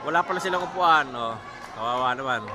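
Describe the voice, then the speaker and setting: A man doing excited, joking play-by-play of a match and shouting on big plays. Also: fast talker, rough recording. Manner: shouts and pitch jumps on each play, teasing asides about the coach. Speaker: amateur commentator filming a volleyball match. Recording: loud crowd and background noise.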